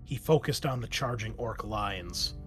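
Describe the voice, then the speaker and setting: A man acting as game master, describing the scene and reading battle narration aloud at a measured, steady pace. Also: lowish voice. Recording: music playing underneath.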